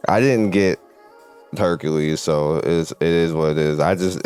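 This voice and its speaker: A gaming video host with a deep, slightly mellow voice rambles casually through his commentary, chatting as if to a friend. Video game music plays behind him throughout.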